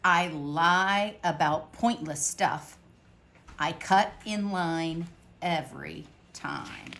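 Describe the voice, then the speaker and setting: Slow, gravelly woman reading a storybook. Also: low voice. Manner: expressive, with dramatic pauses and voiced characters. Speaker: children's book reader. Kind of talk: storytime read-aloud.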